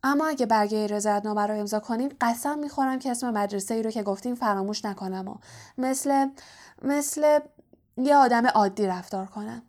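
Woman doing a defiant teen boy, cool and guarded, quick soft delivery, storybook reading. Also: fairly high pitch, lightly acted. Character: defiant teenage boy, male.

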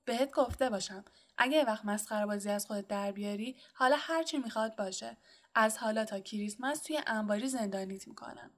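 A woman reading an audiobook, voicing a blustering, bullying middle-aged uncle who talks loud and threatening. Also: a little high, close to an everyday voice.

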